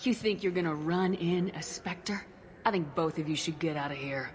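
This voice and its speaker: A woman's voice: lowish voice, moderate pace, close to an everyday voice. An actress playing a confident, blunt female space commander in a video game. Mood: indignant. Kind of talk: video game character acting.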